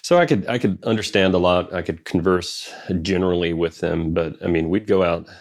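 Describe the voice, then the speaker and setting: A deep-voiced man speaking fairly quickly recounts his Special Forces service as a guest in a casual interview. He rambles, with many fillers and restarts.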